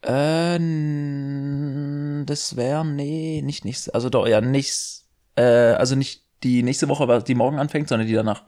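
A man's voice: medium pitch, steady tone, unhurried, darkish tone. A young man co-hosting a podcast, chatting casually in a hesitant, rambling way full of fillers, restarts and youth slang. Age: young adult. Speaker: podcast co-host. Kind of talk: casual chat.

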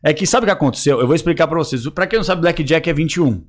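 A man's voice: on the high side, rapid-fire. A young man, joking around in heavy street slang in a casual podcast chat.

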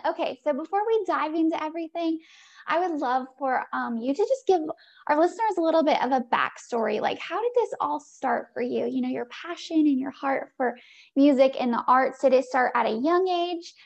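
A woman's voice: sits high, animated, moderate pace, gravelly. A woman hosting a podcast interview, upbeat and effusive. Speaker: podcast host.

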